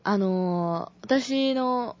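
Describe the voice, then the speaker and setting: A woman's voice: a little high, drawn-out words. A woman co-hosting a radio talk segment, hesitant and losing her thread as she explains. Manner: hesitant, loses her thread, laughs often. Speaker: radio co-host and singer. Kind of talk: casual radio chat. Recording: dull lo-fi radio recording.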